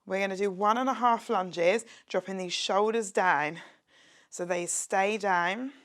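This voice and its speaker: A woman's voice: medium pitch, measured pace. Woman, young, fitness instructor; upbeat, chatty home workout coaching, works out while talking. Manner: upbeat, encouraging, chatty with jokes; exercising while talking, drops to a whisper at times. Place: her home, near a street window.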